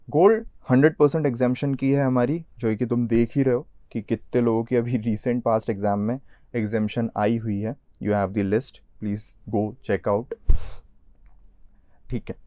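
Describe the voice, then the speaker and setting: Slow and mellow, with long pauses, this young Indian-accented man speaks at medium pitch during a live online class. His manner is chatty, he talks straight to the students, and he sprinkles in English terms; the audio is dry, a bit dull, and lo-fi.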